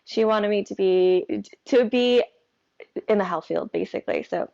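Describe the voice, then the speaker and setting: A woman's voice: mid-range voice, moderate pace, vocal fry, a little mellow, muffled recording. A woman guest on a podcast, talking in a cheerful, chatty way with frequent fillers. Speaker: guest photographer. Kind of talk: casual interview.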